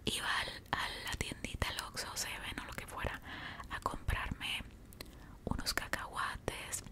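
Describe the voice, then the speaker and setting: A young woman with a Mexican accent whispers a casual ASMR storytime while chewing gum, close to a desktop microphone. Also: unhurried. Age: young adult. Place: small indoor room. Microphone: large desktop microphone up close.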